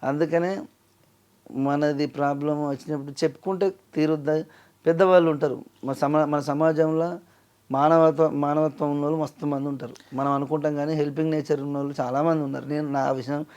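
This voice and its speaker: A man's voice: on the high side, fairly even intonation, brisk, darkish tone, dull audio. A man, a singer and lyricist talking earnestly in an emotional interview. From Telangana, India. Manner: earnest, pleading, acts out quoted dialogue.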